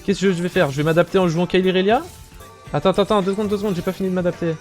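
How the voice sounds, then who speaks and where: A young man with a Belgian French accent giving casual, animated gameplay commentary as a streamer, swearing often and talking straight to his viewers. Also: sits high, rapid-fire, soft background music.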